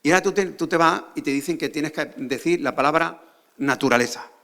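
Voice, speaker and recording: A man's voice: fairly high pitch, brisk, gravelly, pushed and bright. A man with an Andalusian accent giving a lecture on a theater stage, often posing rhetorical questions to the audience. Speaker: conference speaker.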